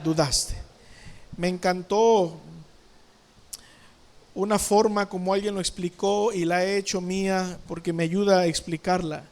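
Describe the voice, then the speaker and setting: A man's voice: sits high, steady tone, unhurried, long pauses, darkish tone. A male pastor, preaching a sermon in church, asking the congregation questions and acting out scenes with sound words.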